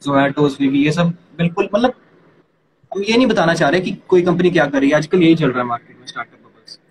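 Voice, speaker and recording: A young man casually explaining startup funding to a co-host, talking quickly and animatedly. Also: on the high side. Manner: rapid, animated, addresses partner as yaar and bhai. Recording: noisy background ambience.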